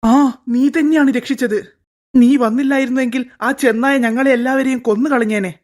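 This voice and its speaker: A woman's voice: high voice, steady tone, fairly quick, a little mellow, lightly acted. A woman voicing a worried, motherly woman looking after children in a cartoon, speaking in a pleading, fretful way. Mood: relieved. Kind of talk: cartoon voice acting.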